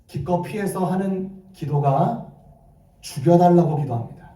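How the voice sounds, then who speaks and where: A man's voice: high-pitched, unhurried, warm tone. A male pastor preaching a sermon with emphasis, repeating his key phrases. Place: church sanctuary. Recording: echoey church hall, mic far off.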